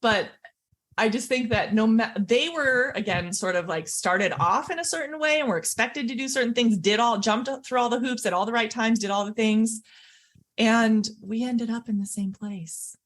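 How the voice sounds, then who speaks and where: A middle-aged woman, a physician, telling her story as a podcast guest, animated and often laughing. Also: on the high side, normal speed.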